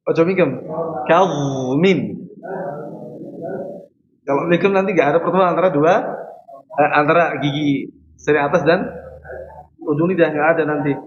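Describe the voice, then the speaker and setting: A man's voice: a little high, normal speed, long pauses, slight background noise. A man teaching Quran recitation in a mosque. He patiently corrects students and repeats the sounds to show them how. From Central Java, Indonesia. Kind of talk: tajweed class correcting students. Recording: muffled lo-fi recording.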